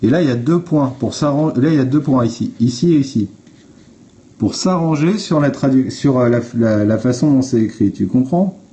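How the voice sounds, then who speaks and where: Blunt, informal man with a mellow voice. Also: mid-range voice, animated, moderate pace. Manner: blunt, informal, swears, addresses viewers directly. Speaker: livestream host. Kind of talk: casual explanatory livestream talk. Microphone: phone.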